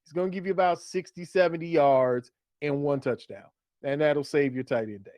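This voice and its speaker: Brisk and fairly high-pitched with a darkish tone, this man co-hosts a sports show, talking fantasy football in a relaxed way. He walks through his analysis, repeating phrases to drive points home, with no echo on the audio.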